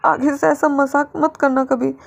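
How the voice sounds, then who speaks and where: A woman's voice: high-pitched, little pitch movement, a little slow, gravelly. A woman voicing an emotional, possessive male singer who pleads with his spouse. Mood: pleading. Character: possessive male singer-soldier husband, tender and clingy.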